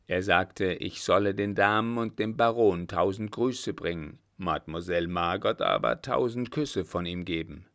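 A man doing a naive, proud coachman. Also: low-pitched. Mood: earnest. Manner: loud, earnest, slow emphatic answers. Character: naive proud male coachman, simple and blunt.

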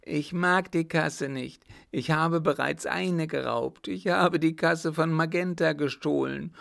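A man voicing a tormented, raving young baron who wails in high, anguished outbursts, his voice a little gravelly. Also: slow, fairly bright tone, heavily acted. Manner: shrill, wailing, anguished outbursts.

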